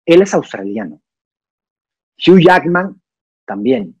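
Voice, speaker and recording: A man's voice: fairly high pitch, very animated, slow, darkish tone, husky, no room sound, highs cut off. A young man, an actor and singer, talking through ideas in a casual interview, thoughtful and full of restarts. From Cuba. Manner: thoughtful, explanatory, many restarts and fillers.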